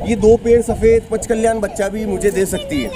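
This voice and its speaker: A man's voice: high voice, fairly even intonation, normal speed, a crowd in the background. A man in his thirties with a Rajasthani Hindi accent, a stud farm owner earnestly explaining his horses outdoors, often saying "ठीक है". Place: sunny outdoor farm yard beside a horse.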